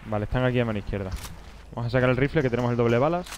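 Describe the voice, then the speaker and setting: A man's voice: mid-range voice, rapid-fire, lo-fi sound, a little hiss or hum. A man streaming a game live, talking to himself and swearing as the action heats up. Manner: excitable, swears, talks to himself. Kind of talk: live gameplay commentary.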